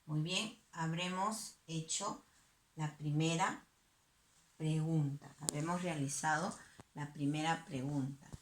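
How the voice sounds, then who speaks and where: Slow, patient woman teaching a math class. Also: low-pitched, reverberant, slight background noise. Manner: slow, patient, asks and answers her own questions. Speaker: primary school teacher. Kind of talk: virtual math lesson.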